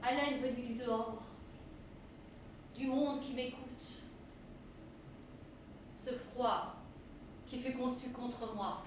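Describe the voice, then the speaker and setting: A woman speaking a solemn poetic prologue in a hushed voice on stage. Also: a little high, steady tone, takes it slowly, pauses often. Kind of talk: stage play performance. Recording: echoey hall, distant mic, noisy.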